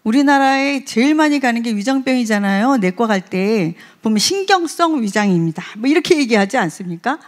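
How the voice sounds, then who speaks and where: A woman's voice: fairly high pitch, brisk, hardly any pauses. A woman preaching a sermon in a conversational way, often putting questions to the congregation.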